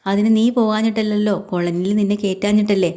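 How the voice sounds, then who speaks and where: A woman's voice: mid-range voice, fairly even intonation, quick pace, warm tone, close to an everyday voice. Woman playing a protective older father. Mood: concerned, advising. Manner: advising, concerned.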